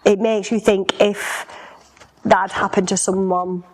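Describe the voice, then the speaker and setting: A woman's voice: medium pitch, flat delivery, measured pace. Giggly woman gushing in casual chat. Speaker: podcast co-host.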